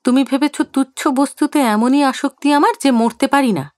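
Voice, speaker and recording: A woman voicing a sharp-tongued older wife who scolds in an indignant way in an audio story. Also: sits high, moderate pace, dry recording, clean studio sound, voice pushed up, natural voice. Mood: angry.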